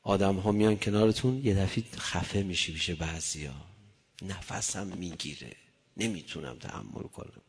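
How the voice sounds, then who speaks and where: A man preaching a religious sermon, shifting between hushed murmurs and loud impassioned cries. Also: low-pitched, gravelly, slightly rough, long reverb tail.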